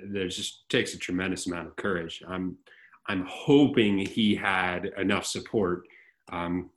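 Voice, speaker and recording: A man hosting a movie podcast in casual chat, joking at his own slip-ups. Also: low voice. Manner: self-deprecating, laughs at own slips. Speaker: podcast host.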